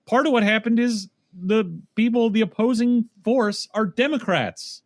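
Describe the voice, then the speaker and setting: Man, co-host, angry political rant, profane, somewhat high pitch, dry mic. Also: a little slow, dry recording. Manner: ranting, profane, trails off and restarts. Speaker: podcast co-host. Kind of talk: casual political chat.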